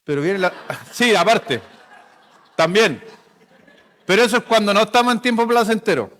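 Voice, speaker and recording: Preaching to his congregation in a large church hall, a man with a Chilean Spanish accent tells stories in a lighthearted, conversational way. He speaks at normal speed in a high-pitched, fairly bright voice.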